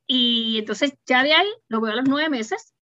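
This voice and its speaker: A woman pediatrician, calmly explaining routine baby checkups in a practical, reassuring manner and acting out parents' questions. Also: high-pitched, normal speed, no room sound, highs cut off. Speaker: pediatrician guest. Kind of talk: explanatory podcast interview.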